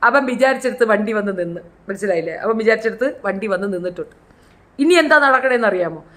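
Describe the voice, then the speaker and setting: A woman's voice: medium pitch, lively intonation, fast talker, fairly bright tone. A middle-aged woman giving chatty, opinionated commentary in a casual style, acting out quotes with other voices. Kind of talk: casual reality show commentary.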